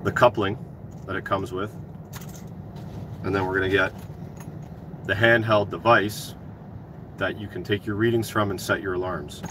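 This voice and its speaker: Low-voiced man livestreaming casually, noisy cab. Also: fairly even intonation, moderate pace, long pauses. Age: 30s. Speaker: trade YouTuber hosting a giveaway. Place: inside a parked work truck cab. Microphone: phone at arm's length. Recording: clear vehicle and outside noise.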